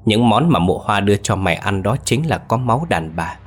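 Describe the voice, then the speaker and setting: A man's voice: fairly low pitch, lively intonation, brisk, faint music behind, natural voice. A man doing a vengeful roaring old man. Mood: gloating. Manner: roaring, menacing. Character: vengeful old man commanding corpse spirits.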